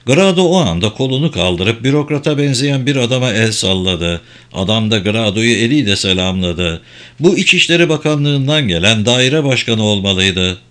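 A man reading a crime novel aloud as a steady, even audiobook narrator. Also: mid-range voice, normal speed. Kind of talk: scripted narration.

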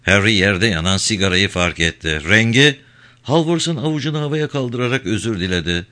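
A man reading a crime novel aloud as the narrator, in an expressive storytelling manner. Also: fairly low pitch, brisk. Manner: expressive reading with voiced dialogue. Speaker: audiobook narrator. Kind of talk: scripted narration.

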